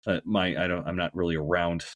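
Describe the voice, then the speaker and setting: Low voiced midwest guy on a podcast, keeps saying you know, dry sound. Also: level tone, brisk, a bit bright, dry recording, muffled recording. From Midwest United States. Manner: laid-back, hedging with "you know". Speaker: podcast co-host. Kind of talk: casual chat.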